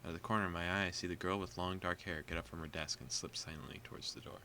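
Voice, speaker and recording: A man's voice: low voice, fairly even intonation, very fast, vocal fry, bright, forceful tone, a little hiss or hum. A man reading a visual novel aloud for a gaming video, with casual, joking asides. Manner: casual, joking asides between read passages.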